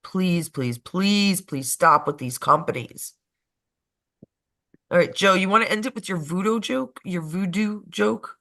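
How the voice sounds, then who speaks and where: Woman, host, casual chat, bright and sharp tone, chatty. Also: on the low side, unhurried.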